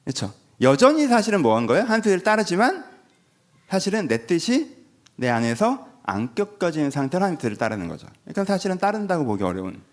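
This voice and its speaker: A man's voice: sits high, fast. A male pastor giving a Sunday sermon in a conversational way, often asking the congregation questions and acting out dialogue. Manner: animated, conversational, acts out quoted dialogue.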